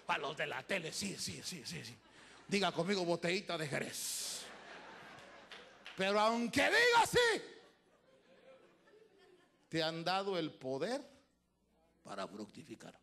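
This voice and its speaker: A high, gravelly male pastor with a Central American Spanish accent preaches with wild swings of pitch. His husky voice jumps from quiet asides to shouted cries. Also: huge pitch swings, measured pace, long pauses, slight background noise. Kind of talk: sermon.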